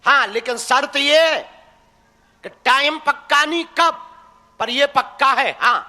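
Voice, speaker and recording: A man's voice: very high-pitched, measured pace, bright, forceful tone, big-room sound. A man preaching a devotional sermon to a crowd, teasing and blunt, speaking straight at his listeners. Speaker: spiritual preacher.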